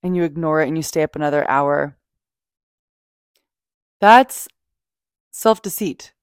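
Unhurried and smooth, a low-pitched female podcast host chats unscripted about self-help, gushing and emphatic, with plenty of swearing. The recording is studio quality with no room sound.

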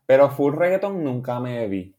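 Young man, Puerto Rican Spanish accent, musician guest, relaxed, rambling, mid pitch. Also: moderate pace. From Puerto Rico. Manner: relaxed, rambling, restarts often, laughs easily, mixes in English words. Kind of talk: casual interview chat.

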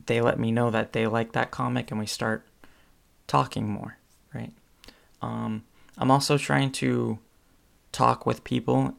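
In a mid-range voice with vocal fry, a young podcast host delivers a casual solo monologue. The talk wanders, with lots of ums and restarts.

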